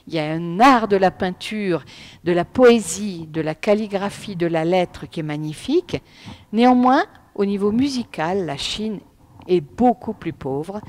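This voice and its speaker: A middle-aged woman giving a lively public talk on Chinese writing, emphatic and speaking straight to her audience. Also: on the high side.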